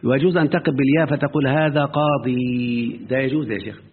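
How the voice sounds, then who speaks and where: A man with an Egyptian Arabic accent talks through a grammar book with a student, frequently stopping to make sure the student understands. His voice is medium-pitched, animated, and racing, captured in a lo-fi, phone-like recording.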